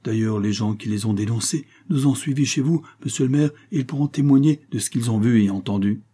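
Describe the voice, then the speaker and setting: A man's voice: mid-range voice, a little fast, warm tone, slightly rough, close to an everyday voice. A man voicing a deferential rural forest-guard sergeant reporting to his superior.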